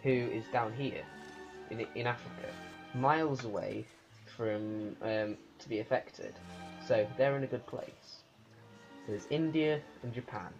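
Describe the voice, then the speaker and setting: A man giving unscripted commentary on a strategy game, thinking aloud in a halting way. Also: medium pitch. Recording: muffled lo-fi recording with music. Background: music.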